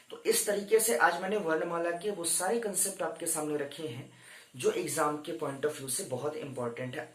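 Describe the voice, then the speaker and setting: Recorded from a distance in a roomy space, a man with a fairly high voice teaches exam-prep grammar. Step by step and with respect, he talks his students through it, calling them "sarkar" and counting down whenever it's time for a screenshot.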